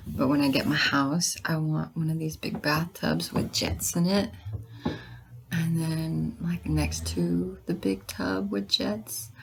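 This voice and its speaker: A woman chatting casually to viewers in a halting way, her hoarse voice giving out and breaking into whispers. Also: sits low, slight background noise. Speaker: vlogger.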